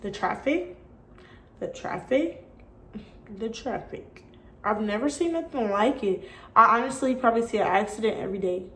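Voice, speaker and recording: A young woman with a slightly high voice chats her way through a casual Q&A vlog. She talks straight to her viewers in a lively, animated way. The room around her is echoey. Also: fairly quick. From California. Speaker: YouTuber.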